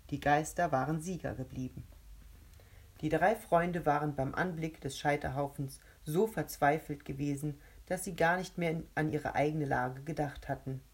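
A woman narrates a children's storybook in a calm, even reading voice. Her tone is low and slightly husky, and she paces the story steadily.

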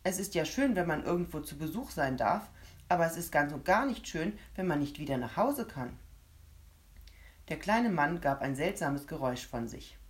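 Brief: low-pitched woman, steady audiobook narrator for a children's tale. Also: moderate pace. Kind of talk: scripted narration of a children's story.

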